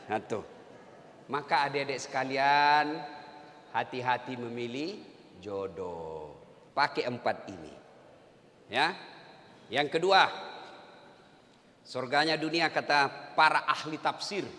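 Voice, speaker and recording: A man's voice: medium pitch, sharp tone, big-room sound, slight background noise. A man preaching a humorous sermon to a congregation, firing rhetorical questions at the crowd and answering them himself. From Indonesia.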